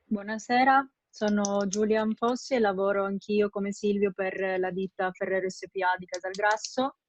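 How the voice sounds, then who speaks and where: Even-toned Italian woman introducing herself. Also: mid-range voice, normal speed, no room sound. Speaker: company representative. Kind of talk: formal self-introduction.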